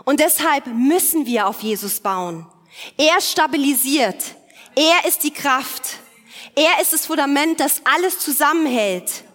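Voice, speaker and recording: A woman delivers a sermon in a high voice, pressing each point with repetition and emphasis. Her words ring out with a long hall reverb behind them, as in a church sanctuary. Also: expressive, measured pace, fairly bright tone. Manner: emphatic preaching with repeated phrases and occasional restarts. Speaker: preacher.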